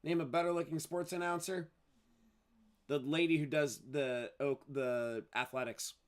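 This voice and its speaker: A man's voice: fairly high pitch, steady tone, measured pace. A man streaming live play-by-play commentary on a football game, calling each play and dropping casual, sarcastic asides.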